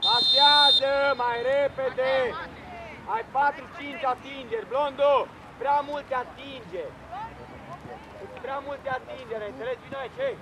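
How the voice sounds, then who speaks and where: A man coaching young football players from the touchline, shouting commanding orders and repeating their names over and over. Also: lively intonation, crowd noise. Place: outdoor football pitch during a match. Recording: noisy outdoor pitch recording.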